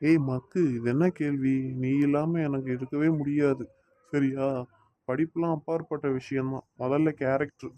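A man's voice: on the high side, steady tone, moderate pace, dark tone, no room sound, natural voice. A man voicing a teasing but doting young man in a cartoon, speaking with a Tirunelveli Tamil accent. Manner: teasing, coaxing, playfully scolding. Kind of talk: cartoon voice acting.

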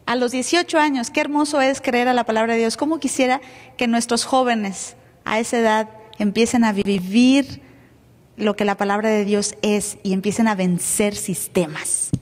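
A woman pastor from Mexico with a Mexican accent, telling her testimony in an animated sermon style. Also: fairly high pitch, normal speed. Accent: Mexican Spanish. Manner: animated storytelling, acting out dialogue. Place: church. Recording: reverberant church live stream.

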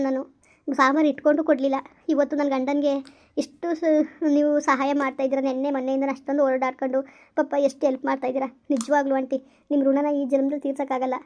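A woman's voice: sits high, little pitch movement, fast, darkish tone, dull audio, natural voice. A woman acting a remorseful young village wife in a family drama, pleading for forgiveness. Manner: pleading, tearful apologies.

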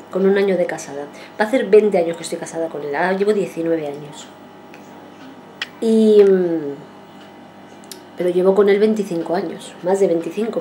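A woman in her forties talks casually to her viewers, wandering through a story and circling back over the same points. She puts on the voices of the people she quotes. Her voice is warm and mellow, with a faint hum of noise behind her. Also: lowish voice. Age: 40s. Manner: rambling, repeats herself and acts out quoted speech. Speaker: vlogger.

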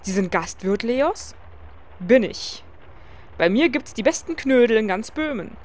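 A woman voicing a jovial male innkeeper from a rural inn, speaking in a hearty, booming way. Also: animated, unhurried, darkish tone. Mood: proud. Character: jovial man, Bohemian innkeeper, warm and hearty.

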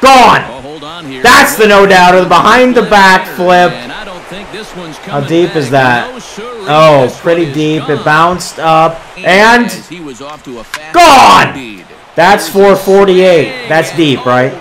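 Excitable high-voiced man calling gameplay. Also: slow, low-quality recording. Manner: excitable, calling home runs like a sportscaster. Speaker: gaming video creator. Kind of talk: gameplay commentary.

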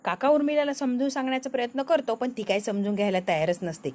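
A woman's voice: a little high, fast, a little mellow. Female recapper, dramatic storyteller, voices every character herself. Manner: dramatic storytelling, reads all characters' lines. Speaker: serial episode reviewer. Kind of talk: animated episode recap.

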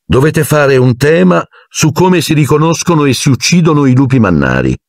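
A man's voice: on the high side, very animated, normal speed, no room sound, clean studio sound, voice pushed up. A man voicing a cold, sneering male teacher who speaks with icy, silky menace in an audiobook. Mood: icy contempt.

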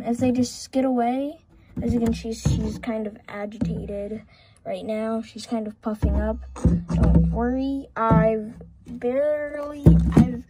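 A woman's voice: a little high, mellow, slight background noise. A young woman chatting casually about her pet reptiles in a pet care vlog, rambling with many fillers and restarts, filmed on a phone or camera near the tank. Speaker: reptile keeper vlogger.

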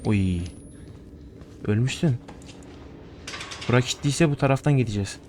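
A man's voice: mid-range voice, moderate pace, darkish tone, a little hiss or hum. A young man giving casual horror gameplay commentary, nervous and joking, swearing often as he plays. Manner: jittery, profane, joking to himself. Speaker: gaming streamer.

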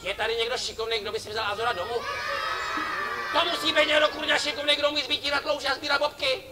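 A man's voice: very high-pitched, very noisy. A man performing as a street clown for children at an outdoor summer festival, joking and teasing volunteers from the audience. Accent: Czech. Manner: playful, teasing banter with kids and audience. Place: outdoor festival stage before a crowd. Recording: lively crowd behind.

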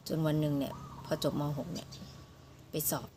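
A young woman telling the candid, self-mocking story of how she learned a language, laughing often. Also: normal speed. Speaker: guest telling her story. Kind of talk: personal storytelling. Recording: audible background noise.

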